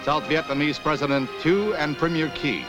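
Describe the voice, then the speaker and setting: A man's voice: fairly high pitch, moderate pace. A man giving formal, declamatory narration for an old 1960s newsreel. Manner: formal, declamatory announcer delivery. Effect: old newsreel soundtrack. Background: music.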